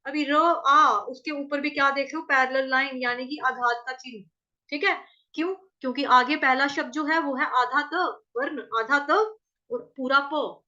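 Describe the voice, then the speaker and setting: A woman teaching Sanskrit verse pronunciation, patiently repeating syllables, chanting lines slowly and asking if everyone follows. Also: high-pitched, fairly even intonation, sharp tone, dull audio. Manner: patient, repeats syllables and asks checking questions. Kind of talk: recitation lesson with chanted verse examples.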